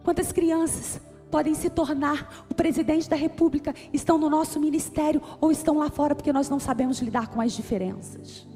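A woman's voice: high-pitched, fairly even intonation, fairly quick, hardly any pauses, dark tone. A woman with a Brazilian Portuguese accent preaching a sermon, telling a personal story earnestly and building to emphatic appeals. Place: church auditorium. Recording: church hall with long reverb, faint music.

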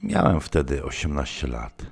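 Deep, slow male story narrator, expressive, faint music bed. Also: vocal fry, slightly rough, no echo. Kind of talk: first-person audio story reading.

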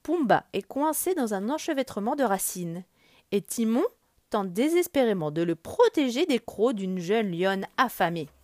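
A woman narrating a children's storybook in an expressive, animated read-aloud. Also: medium pitch, normal speed, dry recording.

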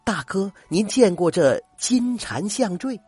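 Old man voicing a gentle young woman in disguise. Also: medium pitch, animated, slow pace, breathy edge, no room sound, faint music behind, pitched above the performer's own voice. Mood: puzzled.

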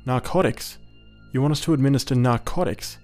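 A man's voice: medium pitch, brisk, darkish tone, faint music behind, pitched above the performer's own voice, close to an everyday voice. A man voicing a harried male rescue helicopter pilot, exasperated and incredulous.

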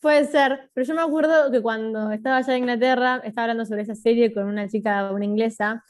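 A woman's voice: a little high, steady tone, fast. A young woman, chatting as an interview guest in a loose, musing way full of filler phrases. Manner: musing, loose, full of "o sea" and "como que". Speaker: guest, video creator. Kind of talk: casual interview chat.

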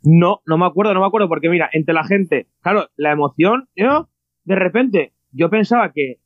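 A man's voice: sits high, moderate pace, no echo. Rambling man. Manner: excited, rambling with many restarts. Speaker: podcast co-host. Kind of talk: casual chat. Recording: dull lo-fi dry sound.

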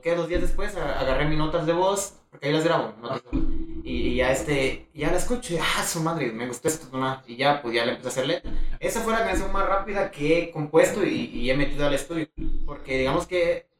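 A young man, chatting casually as a podcast guest, relaxed and rambling with many restarts. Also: fairly high pitch, a little fast, far from the mic. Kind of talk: casual chat. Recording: echoey room, voice from off mic.

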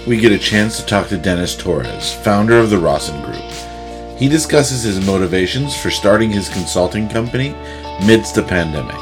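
A man hosting a podcast, reading a scripted intro and then asking upbeat, friendly questions. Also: fairly low pitch. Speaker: podcast host. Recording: intro with faint music behind.

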